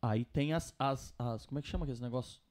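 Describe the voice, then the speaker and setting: A young Brazilian man, telling his story casually on a podcast in a slangy, animated way. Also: medium pitch, fast.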